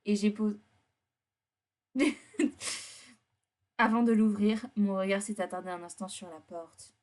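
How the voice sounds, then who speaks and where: A woman's voice: mid-range voice, fairly even intonation, measured pace, darkish tone. A woman co-hosting a dating game playthrough, switching between reading the story text aloud and blunt, teasing, slangy commentary in casual chat.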